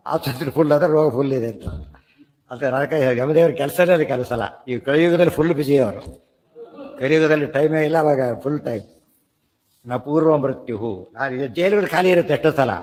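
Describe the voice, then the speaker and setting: A man giving a scripture lecture, explaining Sanskrit verses in a conversational way, often checking whether listeners understood. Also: a little high. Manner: chants verses slowly. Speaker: scripture teacher. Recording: long hall reverb.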